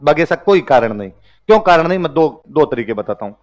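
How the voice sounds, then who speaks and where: A man's voice: a little high, sing-song, fast talker. A man teaching a history class, asking and answering his own questions and joking with students.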